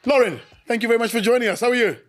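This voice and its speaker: A man's voice: very high voice, racing, soft background music. Jovial man hosting. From South Africa. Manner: jovial, laughs often, many fillers. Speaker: co-host. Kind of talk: casual sports chat.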